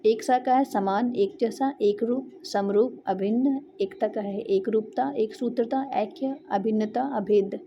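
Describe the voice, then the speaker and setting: A woman's voice: on the high side, a little slow, mellow, lo-fi sound, slight background noise. Woman reading out synonym lists. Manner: runs through word lists, with frequent "theek hai" checks. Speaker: teacher. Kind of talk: reading out a synonym list for exam prep.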